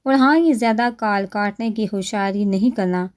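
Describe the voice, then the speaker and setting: A woman's voice: medium pitch, a little mellow, close to an everyday voice. A woman voicing a young man who makes cold, taunting threats over the phone in an audio novel. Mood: menacing. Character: menacing young man, anonymous threatening caller.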